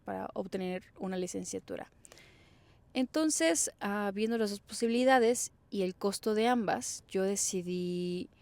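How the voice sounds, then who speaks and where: A woman's voice: medium pitch, gravelly, a little mellow, dry recording. A young woman from Mexico with a Mexican Spanish accent, telling her own story in a chatty, explanatory vlog with casual fillers. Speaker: vlogger.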